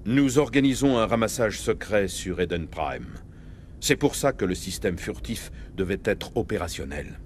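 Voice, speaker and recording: A man voices a commanding military captain in a French video game, sounding firm, formal, resolute and authoritative as he explains seriously. His natural voice is fairly low with lively intonation at a moderate pace, and there is slight background noise.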